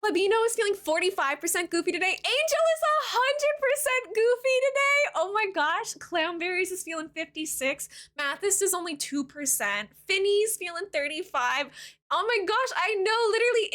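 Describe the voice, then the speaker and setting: A woman's voice: very high-pitched, animated, normal speed, sharp tone. A young woman from Canada chatting casually with her viewers while live-streaming a game, bubbly and giggly.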